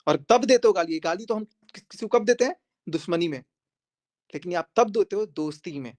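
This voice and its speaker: A man's voice: high-pitched, expressive, normal speed. A man speaking on a live stream to his viewers, emphatic and confrontational, repeating his points for force. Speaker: social media creator.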